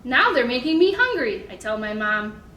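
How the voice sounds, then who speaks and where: An American woman working as a children's librarian leads a toddler storytime of picture-book reading and sing-alongs, speaking simply to small children with questions and encouragement. Her voice is fairly high, very animated, bright and forceful at a moderate pace, heard from far off the mic. The room is echoey with faint background noise.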